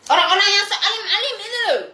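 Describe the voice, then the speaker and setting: A woman's voice: very high-pitched, quick pace, bright, forceful tone, echoey room, slight background noise. A woman vlogger delivering a blunt, crude, confrontational rant to her viewers. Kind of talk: ranting monologue to viewers.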